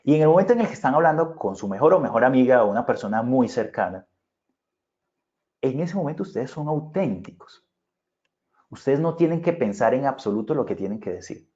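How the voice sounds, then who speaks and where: A man's voice: mid-range voice, animated, brisk, dark tone. Bogotá-accented man giving an online talk. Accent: Colombian, Bogotá. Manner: conversational, often checks in with listeners using "¿mm?" and "¿sí?". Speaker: public speaking consultant. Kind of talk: virtual conference lecture. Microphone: video call. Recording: muffled video-call audio.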